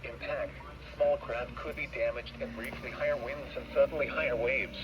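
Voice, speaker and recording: A synthetic male text-to-speech voice at mid-range pitch reads an automated weather broadcast as a weather radio announcer, flat and measured, one word at a time. The recording comes from a radio receiver and sounds dull and hissy.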